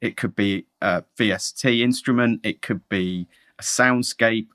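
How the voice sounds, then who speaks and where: A man's voice: lowish voice, unhurried, a bit bright. A man hosting a podcast, asking guests questions in casual chat with a dry, joking manner. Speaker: podcast host.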